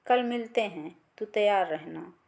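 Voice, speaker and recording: A woman's voice: mid-range voice, measured pace, gravelly, a little mellow. A woman storyteller voicing a friendly young woman calling her friend. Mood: chatty.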